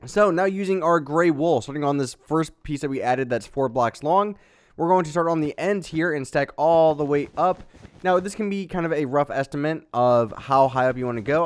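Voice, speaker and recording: A man casually narrating a step-by-step building tutorial in a relaxed, chatty way, with fillers and little sound effects. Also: fairly high pitch, smooth. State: has the hiccups. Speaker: Minecraft building tutorial host.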